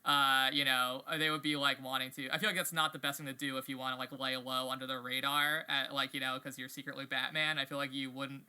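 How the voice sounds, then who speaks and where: A man's voice: mid-range voice, flat delivery, quick pace, few pauses, pushed and bright, clean tone. A man co-hosting a podcast, chatting casually in a rambling, wry way full of fillers. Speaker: podcast co-host. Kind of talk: casual chat.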